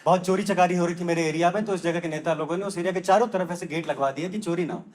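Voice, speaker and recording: A young man from Delhi, India, performs a conversational stand-up set on a comedy club stage, briefly imitating the voices of locals. His voice is high-pitched and a little mellow, his pace quick, and live audience laughter fills the background.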